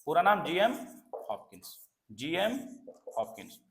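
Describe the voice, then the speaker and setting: A man teaching an exam-prep literature lesson, repeating key points and often asking if it is clear. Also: on the high side, big pitch swings, measured pace, slight background noise. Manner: repetitive, checks understanding often. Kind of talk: classroom lecture.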